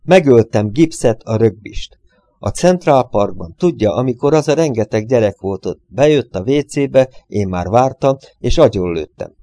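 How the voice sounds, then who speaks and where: A man's voice: animated, dark tone, no echo, close to an everyday voice. A man voicing a nervous, worn-out little man of about forty-five who pleads and shrieks his way through a false confession. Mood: shrill pleading. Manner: pleading, shrill and indignant.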